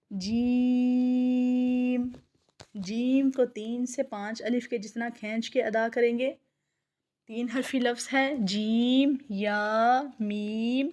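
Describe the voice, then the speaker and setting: A woman teaching a recitation lesson, patiently explaining each letter and drawing its sound out slowly. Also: a little high. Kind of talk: tajweed lesson, slow letter drills.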